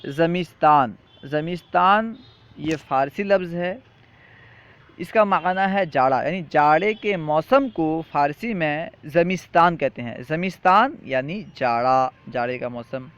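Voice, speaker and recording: A male teacher giving a language lesson, reciting lists slowly and explaining patiently, often checking in with the students. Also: a little high, a bit bright, clear, resonant tone, lo-fi sound. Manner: patient, repetitive, checks in with "theek hai?".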